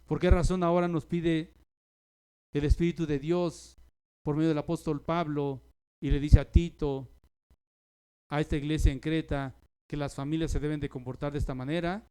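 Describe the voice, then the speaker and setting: A man preaching a sermon to his congregation, asking rhetorical questions and tagging lines with "¿sí?", swinging between loud emphasis and quiet asides. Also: a little high, fairly even intonation, moderate pace, clear, resonant tone. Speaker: pastor.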